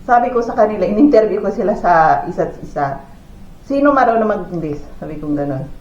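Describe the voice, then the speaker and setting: A woman's voice: fairly low pitch, expressive, fast talker, mellow. A woman from the Philippines telling a story in a casual home vlog, chatty and full of fillers and exclamations. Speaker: family vlogger. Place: at home, indoors. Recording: echoey room, dull lo-fi sound.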